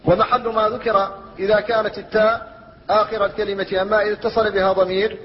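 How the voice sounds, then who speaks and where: High-voiced man teaching in an echoing hall. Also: level tone. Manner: measured explanatory teaching, slows to recite verses. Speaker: Islamic scholar teaching Quran recitation rules. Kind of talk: classroom lecture with chanted Quran quotes. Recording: dull lo-fi recording in a reverberant hall.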